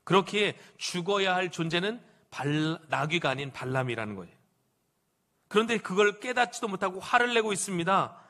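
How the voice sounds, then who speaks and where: A male pastor preaching a sermon, telling the story in an animated way with rhetorical questions to the congregation. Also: high-pitched, normal speed. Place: church sanctuary.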